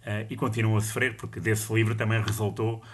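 A football pundit, a man with a European Portuguese accent. His voice is lowish and very flat in intonation. He builds his analysis hesitantly, repeating words as he goes. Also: fairly quick. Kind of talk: football analysis in a panel talk.

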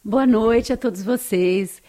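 Speaking slowly in a mellow, highish voice, this woman from Brazil carries a Brazilian Portuguese accent. She's being interviewed and recounts things in a sincere, chatty storytelling manner.

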